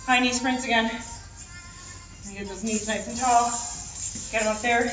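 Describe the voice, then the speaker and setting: A woman's voice: fairly high pitch, fairly even intonation, normal speed. A young woman working as an aerobics instructor, exercising as she calls out counts and short, repeated motivating commands. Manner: exerting while talking, jumping and stepping. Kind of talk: workout class instruction with counted cues. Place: large mirrored indoor fitness studio. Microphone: far camera. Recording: echoey studio, distant dull mic, music playing. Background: workout music.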